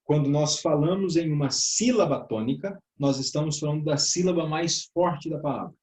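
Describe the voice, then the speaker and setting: Man, southern Brazilian accent, classroom lesson, slightly high voice, patient step-by-step explaining, echoey room. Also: moderate pace, a little mellow. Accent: southern Brazilian Portuguese. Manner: explains step by step, often ending phrases with "tá?" and "né?"; addresses listeners as "irmãos". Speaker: teacher of a church workers' course.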